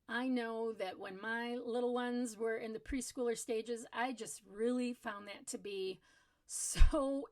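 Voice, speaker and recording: Earnest middle-aged woman giving parenting advice. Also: fairly high pitch. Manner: earnest, explanatory, leans on repetition for emphasis. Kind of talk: casual advice talk to camera.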